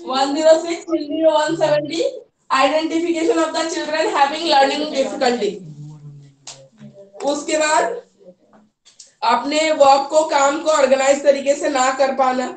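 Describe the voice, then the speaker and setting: A woman lectures a class of trainee teachers in a high, clear voice, pausing often to check that everyone is following. She sounds distant from the mic, and her voice echoes around a hard classroom. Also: steady tone. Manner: explains with repeated "theek hai", mixes English terms. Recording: echoey room, voice from far off.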